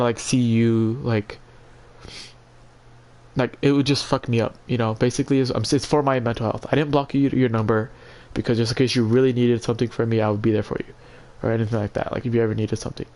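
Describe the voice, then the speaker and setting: A man venting casually on a livestream in an emotionally drained, halting, repetitive and profane way. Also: mid-range voice, level tone, a little mellow. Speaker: live streamer.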